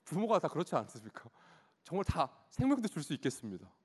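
A man in his thirties preaches to his congregation in a lively voice that rises and falls. He tells a personal story with a storyteller's flair. His voice sits a little high and rings with a long reverb from a large hall. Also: fast talker, slightly rough. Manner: storytelling, animated, acts out his child's cries. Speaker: pastor.

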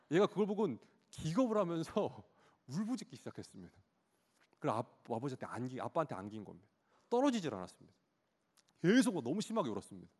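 A man in his thirties preaching a sermon, telling a personal story about his child in an animated way and acting out the child's cries. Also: a little high. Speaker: pastor. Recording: long hall reverb.

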